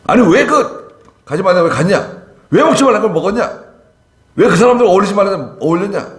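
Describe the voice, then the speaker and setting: A man acting out a stern older male pastor who shouts a rebuke, firing off demanding questions in a raised voice. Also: extremely low pitch, unhurried, pitched below the performer's own voice. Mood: furious. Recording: echoey church hall.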